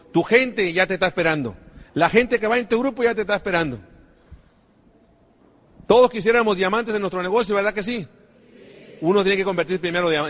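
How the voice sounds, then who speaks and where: A man's voice: sits high, fairly bright tone. A man gives a motivational business talk, repeating himself and asking the crowd rhetorical questions. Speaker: network marketing trainer. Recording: long hall reverb.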